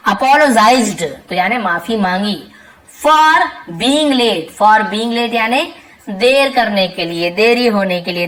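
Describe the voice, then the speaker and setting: A woman teaching English reading, saying each English phrase slowly and then explaining it quickly in Hindi with lots of repetition. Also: mid-range voice, fairly bright tone, rough recording. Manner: repeats phrases and checks with "theek hai". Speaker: English tutor.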